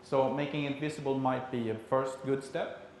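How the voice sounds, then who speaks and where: A man from Sweden with a Swedish accent gives an explanatory conference presentation in a halting delivery, as a non-native speaker. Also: mid-range voice, fairly even intonation, a little mellow. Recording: very echoey room, faint background noise.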